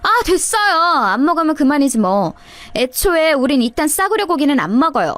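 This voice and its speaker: A woman's voice: high voice, sing-song, moderate pace, fairly bright tone, dry recording, pitched above the performer's own voice. A woman voicing a snide, scheming younger sister-in-law who talks in a mocking, sneering way in a radio-style story.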